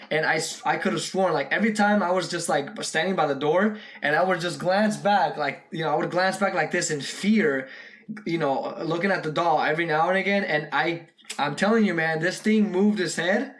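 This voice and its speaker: A man's voice: on the high side, a bit bright. A young man giving casual, rambling reaction commentary on a short horror film, full of fillers and restarts. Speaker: video reactor.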